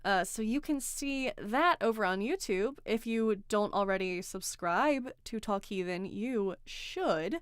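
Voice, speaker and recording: A woman hosting a livestream in casual chat, sarcastic and animated, reading out chat comments. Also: medium pitch, a little slow, hardly any pauses, smooth, dry recording, studio quality. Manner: animated, sarcastic, reads chat aloud, swears and laughs. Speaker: livestream host.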